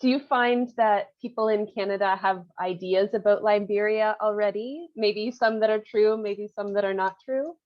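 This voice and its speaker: A woman's voice: mid-range voice, fairly even intonation, moderate pace, hardly any pauses. A woman interviewing a guest in a casual conversation, asking short questions and giving encouraging replies. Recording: dull lo-fi audio.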